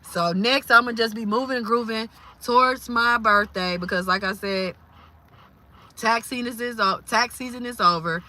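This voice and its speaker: A woman, talking casually about faith on a livestream, lively and quick to exclaim. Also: on the high side, noisy background. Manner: lively, exclaims and laughs often. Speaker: live streamer.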